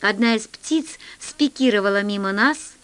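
A woman reading a children's science fiction story aloud as scripted narration, in an expressive storytelling manner. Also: mid-range voice, moderate pace, clean tone. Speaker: audiobook reader.

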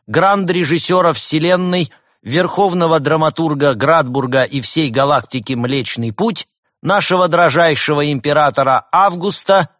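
A man voicing a loyal robot herald who reads out a grand imperial decree in a slow, pompous, booming voice. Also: fairly bright tone, dry recording, clean studio sound, natural voice. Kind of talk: audiobook reading.

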